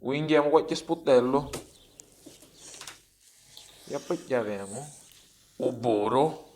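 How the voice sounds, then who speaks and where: A man's voice: medium pitch, slow, a little mellow, a little hiss or hum, natural voice. A man playing a broke, cheeky working-class husband in a comic dub, speaking broad Sicilian dialect from Catania. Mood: wheedling.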